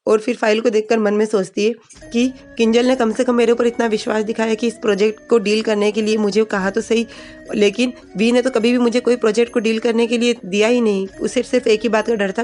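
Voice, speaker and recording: Slightly high-pitched and a bit mellow, this woman narrates a TV serial episode in a relaxed, unadorned way. She reads the characters' quoted speech as-is, without acting it out.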